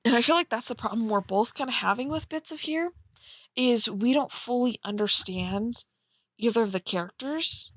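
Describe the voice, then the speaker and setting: A fairly high, fairly bright female voice at normal speed comes through lo-fi sound with no echo. The speaker is a streamer who reads fan fiction aloud and critiques it, chatting casually and bluntly with teasing, sarcastic side comments.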